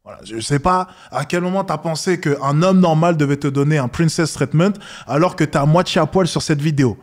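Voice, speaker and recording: Scornful high-voiced man lecturing. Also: brisk. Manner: mocks others with high squeaky voices. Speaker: commentator reacting to a video. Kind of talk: reaction commentary.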